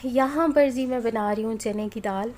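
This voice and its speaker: A flu-strained, sore throat colours the voice of this thirty-something Pakistani cooking vlogger, who sits on the high side with a darkish tone at normal speed. Talking directly and homely to viewers, she records her voice-over at home amid faint street and household noise.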